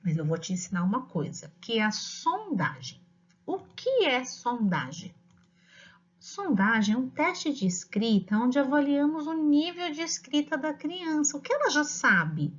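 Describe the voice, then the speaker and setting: A middle-aged woman teacher with a Brazilian Portuguese accent, patiently explaining to parents and dictating words slowly. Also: high-pitched, sing-song. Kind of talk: instructional talk to parents. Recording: dull lo-fi audio.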